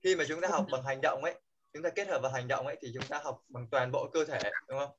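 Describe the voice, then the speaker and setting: A man with a Vietnamese accent teaching English pronunciation in a classroom, coaxing the students and modeling words loudly for them to repeat. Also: mid-range voice, steady tone, fast, muffled recording, over a noisy crowd.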